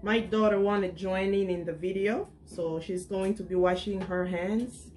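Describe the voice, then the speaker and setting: Chatty woman in her thirties, home cooking demo in a kitchen, instructive, mid pitch. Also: steady tone, normal speed, darkish tone, slight background noise. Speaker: cooking vlogger and mother. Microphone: camera on the counter.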